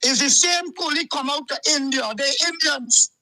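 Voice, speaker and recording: A caller in his 40s rants heatedly on a call-in show, agitated and repetitive, repeatedly saying "let me tell you something." His very high voice is bright and forceful at a moderate pace, in a dry recording.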